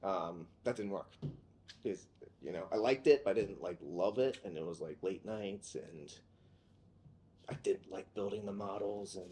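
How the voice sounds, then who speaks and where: Young male host, low voice, chatty teasing interviewer, filler-heavy. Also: normal speed, mellow. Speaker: podcast host. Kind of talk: casual interview chat. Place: in a theater building.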